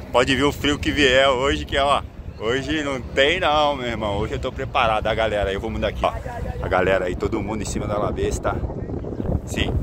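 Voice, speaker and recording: A Brazilian man in his forties, vlogging to his phone outdoors by a rail yard, chatty and upbeat, repeating phrases as he talks to his viewers. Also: medium pitch. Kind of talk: casual travel vlog to camera. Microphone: phone held at arm's length. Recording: noisy outdoor phone recording. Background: outdoor ambience and vehicles.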